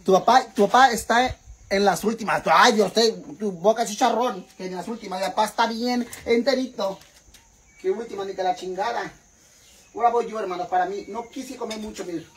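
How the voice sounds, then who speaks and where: In a rough recording, the vlogger talks fairly quickly in a high voice, eating on camera during a casual rant. He's theatrical and profane, putting on mock indignation and calling his followers "sisters" again and again.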